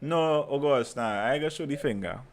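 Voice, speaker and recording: A man with a Trinidadian accent chatting casually and telling anecdotes in animated Creole, repeating phrases for emphasis. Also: medium pitch, fairly quick, a crowd in the background. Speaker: podcast host.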